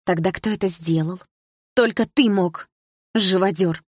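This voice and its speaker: A woman voicing a bitter, defiant teenage girl who shouts in anger. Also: sits low, fairly quick, husky, dry recording, clean studio sound. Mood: accusing.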